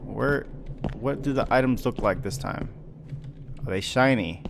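A man's voice: medium pitch, a little slow, vocal fry, background noise. A young man as a scared horror game streamer, giving casual, jumpy commentary with panicky repeated exclamations and swearing. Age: young adult. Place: home bedroom, indoors. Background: game music.

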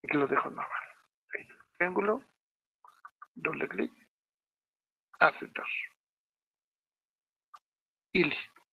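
Man, Mexican Spanish accent, step-by-step software lesson, gravelly voice, thin phone-like sound. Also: sits high, expressive, slow, pauses often, dry recording. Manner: step-by-step, checks in with frequent "¿sí?". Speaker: teacher. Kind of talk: screencast programming tutorial. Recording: tinny phone-like audio, dry.

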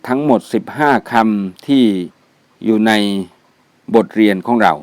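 A man's voice: lowish voice, unhurried, a little mellow, no room sound. A man teaching a religious studies class, reading out Arabic vocabulary words twice each and then giving their meanings. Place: mosque.

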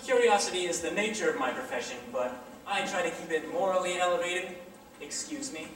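A performer playing a prim offended gentleman. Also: medium pitch, fairly quick, background noise, natural voice. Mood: indignant. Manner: indignant, fussy and flustered. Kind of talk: high school stage play. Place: school auditorium stage. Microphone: far camera. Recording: echoey hall from far off.

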